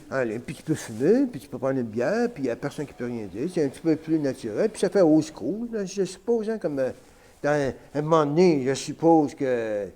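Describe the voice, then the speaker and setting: A man's voice: medium pitch, dark tone. A man with a Québécois French accent rambling casually in an unedited vlog, full of fillers like "hein" and "man". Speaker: vlogger. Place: at home, smoking on camera.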